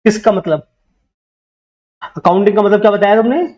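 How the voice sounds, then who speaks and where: A man with a high, darkish voice teaches accounting in a classroom lecture at normal speed, heard through a muffled recording. He drills students with repeated questions and teases and scolds them in banter when they don't know the answer.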